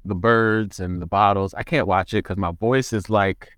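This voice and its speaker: A man's voice: fairly low pitch, steady tone, normal speed, a bit bright, clear, resonant tone, no echo, clean studio sound. A man recalling a demanding acting role with candid, self-mocking humor. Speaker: interviewed actor. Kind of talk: casual interview recollection.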